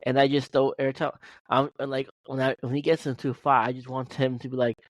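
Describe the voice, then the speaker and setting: A man's voice: medium pitch, level tone, quick pace, no echo, low-quality recording. Rambling man in casual podcast chat. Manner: rambling, many restarts and fillers. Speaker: podcast co-host.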